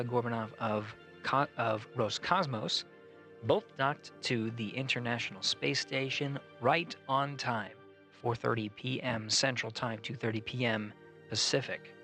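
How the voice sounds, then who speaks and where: A man's voice: mid-range voice, unhurried, sharp tone, soft background music. A man giving formal live commentary as a mission control announcer.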